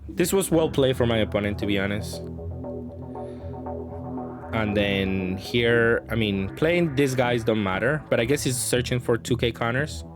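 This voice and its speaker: A card game channel host speaks at medium pitch with lively intonation, a little slowly, giving casual commentary as he plays. He thinks aloud in a hesitant way while working through his options, over background music.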